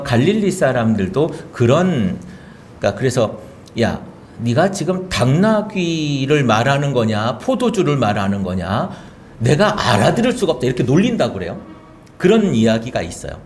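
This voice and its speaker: A male pastor giving an animated sermon, often acting out the lines of the people he talks about. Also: mid-range voice, slight background noise. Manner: animated preaching, acting out quoted speech.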